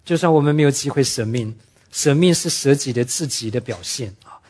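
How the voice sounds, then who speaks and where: A man preaching a sermon, telling stories earnestly and slowing down to stress his main points. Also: mid-range voice, a little mellow, breathy edge. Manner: earnest storytelling preacher, drops English words into speech; slows down and drops his voice to stress key points. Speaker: pastor.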